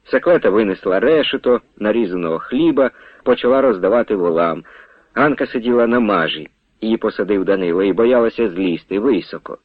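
Brief: male narrator, steady literary read, dry phone-thin radio sound. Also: on the low side, fairly quick, no echo. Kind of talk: scripted narration. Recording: tinny dry radio recording.

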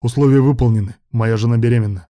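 A man's voice: mid-range voice, steady tone, quick pace, warm tone, dry recording, studio quality, natural voice. A man voicing a desperate young man who speaks tensely and with defiance. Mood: defiant.

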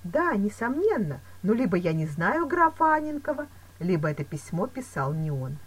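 A wary fencing master speaks slowly and deliberately, read by a woman with a husky edge and lively pitch. He weighs each doubt before voicing it, like a measured storybook character. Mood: reasoning. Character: calm, suspicious male fencing teacher. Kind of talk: audiobook character reading.

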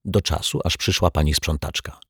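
A man's voice: extremely low pitch, normal speed, a bit bright, breathy edge, no echo, studio quality. A man narrating a children's audiobook in a playful storytelling manner, speaking to the listener.

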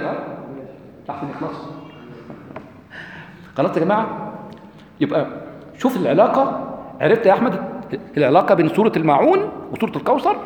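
A man with an Egyptian accent teaches a gathered audience in a bright, high voice that swoops up and down as he questions them. He slows right down to recite verses. The sound is roomy, with a long hall reverb. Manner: lively, asks the audience questions, quotes scripture slowly. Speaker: lecturer. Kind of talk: religious lesson in colloquial Egyptian Arabic. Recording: echoey hall.

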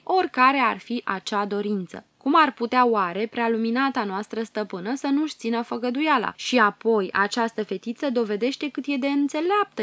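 A woman voicing a gentle, motherly doe fairy in a storybook reading, reasoning kindly. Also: a little high, no room sound, close to an everyday voice.

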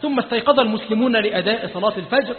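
A man's voice: sits high, rapid-fire. A man with an Egyptian Arabic accent preaching a sermon, retelling a story dramatically and breaking into colloquial asides. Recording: tinny phone-like sound in a long echoing hall.

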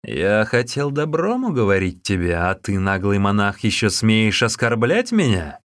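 A burly, arrogant young bully speaks with loud scorn, acted out by a man reading the story. The voice sits raised and pushy, with dry close sound. Storybook reading. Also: on the high side, expressive, normal speed, vocal fry, clear, resonant tone, no room sound, voice pushed up. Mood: haughty scorn. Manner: haughty, scornful.

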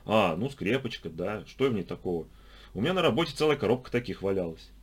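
A skeptical, sarcastic male traveler, voiced by an audiobook reader, talking bluntly with dry mockery. His voice sits low and slightly husky, with lively turns of pitch. He sounds unimpressed by everything around him. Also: quick pace. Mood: irritated. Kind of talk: audiobook character voice.

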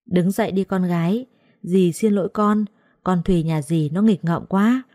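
A woman voicing a gentle, soft-spoken older mother who calms a quarrel. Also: fairly low pitch, normal speed, no echo, studio quality, close to an everyday voice.

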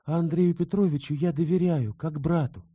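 A man's voice: a little high, fairly even intonation, normal speed, mellow, husky, dry recording, studio quality, pitched above the performer's own voice. A man voicing an earnest young woman in love, read tenderly and heartfelt in an audiobook. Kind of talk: audiobook character voice.

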